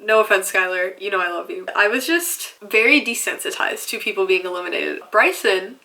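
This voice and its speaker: A woman's voice: medium pitch, a little fast, sharp tone. A young woman in college telling a chatty, self-mocking vlog story full of fillers. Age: young adult. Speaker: vlogger.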